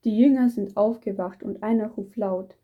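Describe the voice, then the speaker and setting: A woman reading a children's Bible story aloud in a gentle, measured storytelling manner. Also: medium pitch, steady tone, a little hiss or hum. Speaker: story reader. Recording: dull muffled recording.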